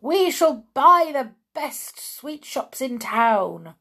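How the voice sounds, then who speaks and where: A pack of wicked witches cries out in high, eager voices, voiced by a woman reading a storybook. They sound loud, greedy and thrilled. Every word is drawn out slowly. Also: full character voice. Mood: fawning. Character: chorus of eager, cruel witches.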